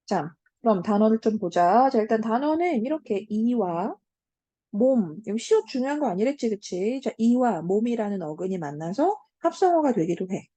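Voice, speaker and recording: Woman teacher walking students through grammar, lively sing-song voice, keeps checking they follow, warm tone. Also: on the high side, no room sound. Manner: fills pauses with "자" and "음", asks the class check questions. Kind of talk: online lecture to high school students.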